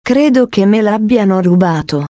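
A woman's voice: medium pitch, lively intonation, moderate pace, dark tone, no echo, dull audio, lightly acted. A woman reading a worried woman robbed of her phone.

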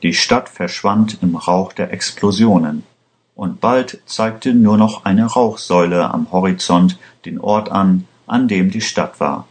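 A man narrating a story in a slow, measured reading for learners. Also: low voice, a little mellow. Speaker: audiobook narrator. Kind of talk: scripted narration.

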